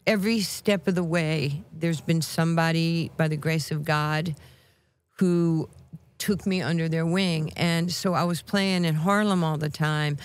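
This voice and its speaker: A woman with a New York accent, a guest telling animated, street-tough stories with lots of acted quotes. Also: deep voice, unhurried. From New York, USA. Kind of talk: casual storytelling.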